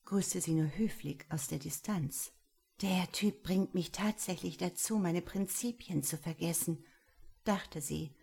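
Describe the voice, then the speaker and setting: A woman narrates a story in a calm, measured way. Her voice is dark and husky. She reads slowly. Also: lowish voice. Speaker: audiobook narrator. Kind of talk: scripted narration.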